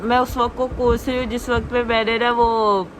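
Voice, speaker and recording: Young woman vlogging, sore throat, fairly high voice, bit of faint noise behind. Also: level tone. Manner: chatty, confiding, drawn-out complaints. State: sore throat after a flu. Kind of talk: casual home vlog chat.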